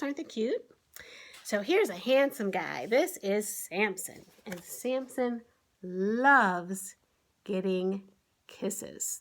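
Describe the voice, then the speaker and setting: This woman, a children's author who hosts story time online, has a mid-range voice that is creaky and husky. She goes through a picture book with children, often putting simple questions and exclamations to them.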